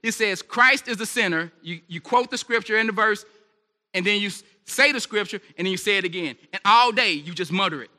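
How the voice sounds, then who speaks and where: A male preacher delivers a lively, conversational sermon and keeps checking in with the congregation. His voice sits high and comes across forceful and sharp. The recording has a long hall echo. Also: fairly quick. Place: church service. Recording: echoey hall reverb.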